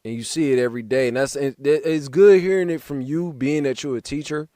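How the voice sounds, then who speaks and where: Dude hosting a podcast, chill slangy talk, laughs a lot, dry close sound. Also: male voice, medium pitch, brisk, no room sound. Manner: relaxed slangy banter, laughs easily. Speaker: podcast host. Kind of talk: casual chat.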